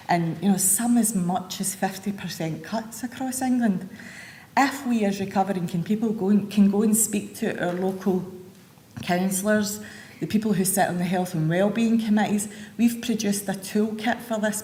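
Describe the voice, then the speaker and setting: A woman's voice: medium pitch, warm tone, a little hiss or hum. A woman with a Scottish accent giving an informal conference talk as a recovery advocate, chatty and digressive with self-deprecating asides. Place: conference hall. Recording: echoey hall with faint ambience.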